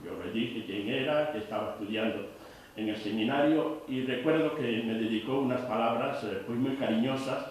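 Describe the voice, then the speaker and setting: A man's voice: mid-range voice, moderate pace, slight background noise. Man reminiscing in a very echoey hall. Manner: reflective, hesitant, with fillers. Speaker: audience member. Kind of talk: personal reminiscence. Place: cultural centre hall. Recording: very echoey hall, distant mic.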